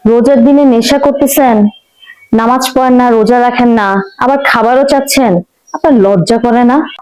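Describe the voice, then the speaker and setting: Woman acting a pious, pleading wife, highish voice. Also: moderate pace, darkish tone, smooth, natural voice, low-quality recording. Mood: reproachful. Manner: earnest, pleading, respectful. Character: pious, imploring wife of a drinking husband. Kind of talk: short film acting.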